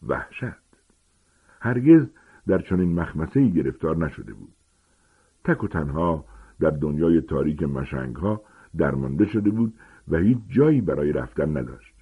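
A man narrating a storybook in a dramatic, expressive reading. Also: rumbling low, husky. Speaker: audiobook narrator. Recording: tinny phone-like sound.

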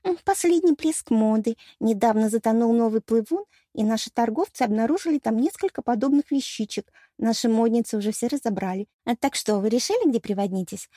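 A woman's voice: on the high side, animated, a little fast, few pauses, warm tone, no room sound, studio quality. A woman doing a coquettish young mermaid waitress. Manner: coquettish, confiding.

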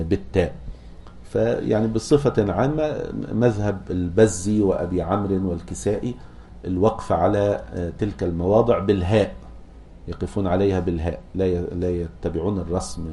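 A man teaching a class on Quran recitation, asking students questions, chanting verses slowly and restarting words as he explains. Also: deep voice, dark tone, slight background noise. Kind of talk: classroom lecture explaining a poem.

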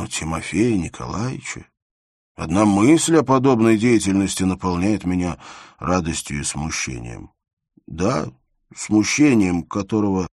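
A shy young scholar in a storybook reading, played by a male reader, earnest and slow with a soft lisp. His voice is lowish, lively in pitch and dry. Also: no room sound.

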